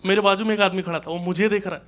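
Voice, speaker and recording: A stand-up comedian from Uttar Pradesh, India, tells colloquial observational stories on a small indoor comedy club stage, acting out dialogue in his anecdotes. His high voice races along with fairly even intonation. The live recording on a handheld mic picks up audience laughter and noise.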